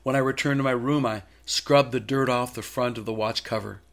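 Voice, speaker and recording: A man's voice: medium pitch, fairly even intonation, brisk, vocal fry. A man delivering a short devotional message, telling a personal faith story in an earnest way. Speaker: minister.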